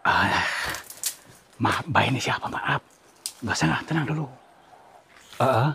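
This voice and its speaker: A man, from Central Java, hosting a ghost-hunting vlog outdoors in a forest, giving hushed commentary and coaxing with repeated soothing words. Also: mid-range voice, animated, slow pace, vocal fry, slight background noise. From Central Java, Indonesia. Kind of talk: hushed on-location exploration commentary.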